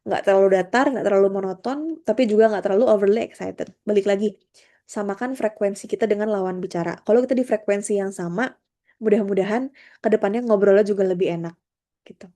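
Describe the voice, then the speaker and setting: A woman leads an online career workshop over a video call. Her voice is mellow and dark, at a middle pitch. She talks in a friendly, informal way, with frequent fillers and restarts. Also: fast.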